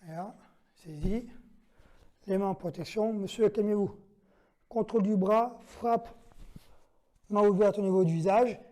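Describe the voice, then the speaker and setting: This man teaches self-defense in a high-pitched yet dark voice, speaking at a measured pace and pausing often. Step by step, he counts out the moves, gives his training partner brief commands, and checks understanding with "d'accord?" throughout the demonstration.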